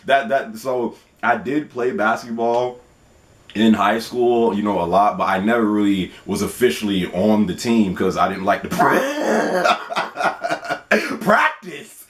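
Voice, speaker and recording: Playful, low-voiced young man. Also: measured pace. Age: 20s. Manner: playful, laughs often, animated. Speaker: gaming channel host. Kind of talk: casual vlog Q&A.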